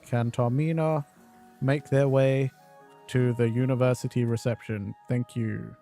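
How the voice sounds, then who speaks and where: Man, mock supermarket tannoy announcement, slow and measured, mid-pitched, music underneath. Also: little pitch movement, vocal fry, warm tone. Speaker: gamer commentating his play.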